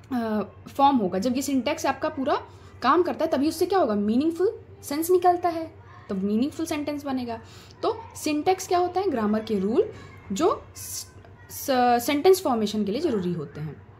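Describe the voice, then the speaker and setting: A high-pitched woman with an Indian accent gives an exam-prep lesson. She keeps asking questions and then answers them herself. A faint hum of ambience sits behind her. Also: a little mellow. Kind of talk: explanatory lecture.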